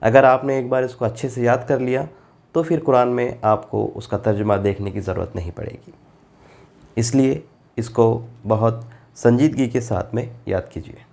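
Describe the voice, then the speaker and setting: Speaking with a medium-pitched, gravelly and slightly mellow voice, a male teacher runs a Quran translation class. He reads Arabic phrases slowly and deliberately, patiently gives their Urdu meanings, and repeats forms for drilling as part of a grammar lesson.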